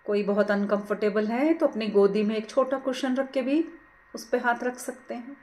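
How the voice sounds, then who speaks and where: A middle-aged woman leading a guided meditation, giving slow, gentle instructions with English words mixed into her speech. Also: a little high.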